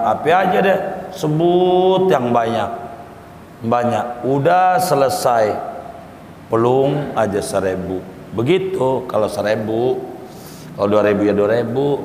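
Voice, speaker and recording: A man's voice: mid-range voice, unhurried, darkish tone. A male preacher giving a folksy sermon, repeating his points and addressing the listeners as brothers. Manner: folksy, repetitive, calls listeners "saudara". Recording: echoey hall with faint noise.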